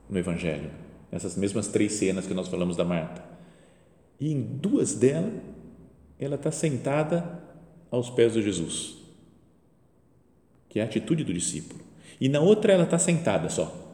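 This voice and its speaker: A Brazilian priest preaches in a relaxed, conversational way, his voice rising and falling through a wide, animated range. His tone is mellow and soft-edged. The sound rings out through a large church with a long, roomy echo. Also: fairly low pitch. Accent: Brazilian Portuguese. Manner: lively, chatty preaching with frequent rhetorical questions. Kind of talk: conversational homily. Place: church chapel near the tabernacle. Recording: reverberant church hall.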